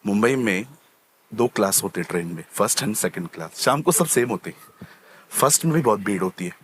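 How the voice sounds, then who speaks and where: A man preaching as a pastor in a church, animated and acting out little scenes of everyday people, slipping English words into his sermon. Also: fairly low pitch, brisk, a little hiss or hum. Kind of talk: lively sermon.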